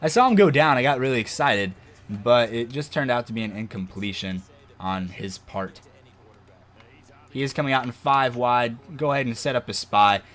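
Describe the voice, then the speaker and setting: A man giving casual commentary as he plays a football video game, breaking into excited, loud outbursts at the plays. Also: mid-range voice, normal speed. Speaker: gaming video host.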